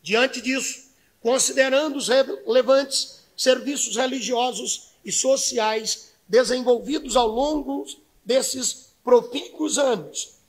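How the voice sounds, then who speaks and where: A male pastor in his 30s from Minas Gerais, with a Brazilian Portuguese accent, reads a formal prepared speech from notes at a podium microphone in an indoor city council chamber. His voice is very high, and his delivery is slow, measured and solemn.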